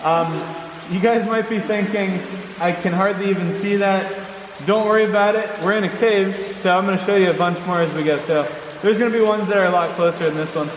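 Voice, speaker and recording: A man's voice: high voice, fairly even intonation, a little fast. A man working as a tour guide, giving casual, explanatory commentary with his voice echoing through a cave. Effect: cave echo. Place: inside a water-filled cave on a tour boat. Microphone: vlogger's camera, away from the speaker. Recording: echoey cave, distant mic, noisy background.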